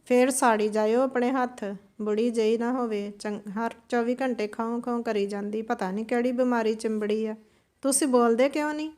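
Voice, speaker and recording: A woman voicing a quarrelsome young mother who scolds and nags in a slightly high voice. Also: steady tone, normal speed, darkish tone, close to an everyday voice. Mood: nagging. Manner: scolding, nagging. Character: scornful young mother, sharp-tongued, quarrelsome.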